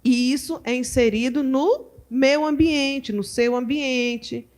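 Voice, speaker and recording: A Brazilian woman teaching at a women's church conference, animated and full of rhetorical questions to her audience. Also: high-pitched, slow. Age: adult mother. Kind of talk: lively teaching talk to a live audience.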